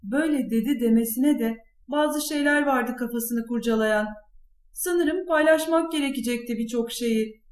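A woman with a high voice reads a children's story aloud. Her reading is clear and expressive. The recording is roomy and echoey. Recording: echoey room.

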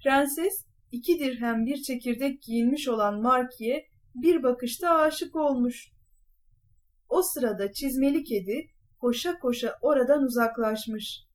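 A woman narrating a fairy tale in a calm, measured storytelling manner. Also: high-pitched.

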